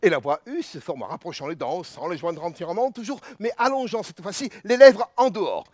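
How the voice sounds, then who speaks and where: Guy playing a stuffy know-it-all tutor, spelling out vowels real loud and proper. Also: high-pitched, fairly quick, no echo, studio quality. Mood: pedantic. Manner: pedantic, declaiming, over-articulated vowels. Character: pompous male philosophy teacher.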